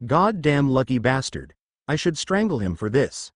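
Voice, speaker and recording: A man's voice: medium pitch, sing-song, moderate pace, no echo, clean studio sound. A man voicing a lecherous, jealous older male ninja in a fan-fiction reading, muttering in exasperation. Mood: exasperated.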